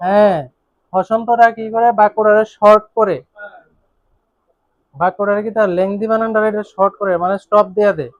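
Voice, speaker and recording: High-voiced male teacher, questioning. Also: little pitch movement, normal speed, long pauses, no echo. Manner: questioning, repetitive, coaxing students. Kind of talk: classroom grammar lesson. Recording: dull dry classroom recording.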